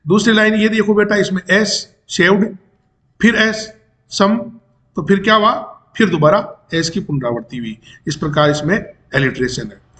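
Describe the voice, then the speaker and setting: लंबे अंग्रेज़ी शब्दों वाला भारतीय शिक्षक. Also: male voice, high-pitched, measured pace. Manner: lively, rising questions, switches Hindi and English. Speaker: teacher. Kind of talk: explaining a poem to students. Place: home near railway tracks.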